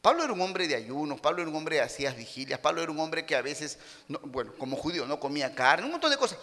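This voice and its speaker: A man's voice: a little high, big pitch swings, quick pace, pushed and bright, big-room sound. A man preaching a sermon as a pastor in a church, acting out the people he quotes and punching his points with boxing-style exclamations. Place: church sanctuary.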